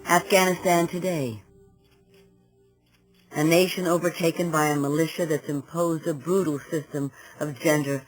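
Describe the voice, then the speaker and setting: A narrator reads a documentary script in an emphatic, dramatic way. The voice sits at a middle pitch. Soft music plays underneath. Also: poor audio.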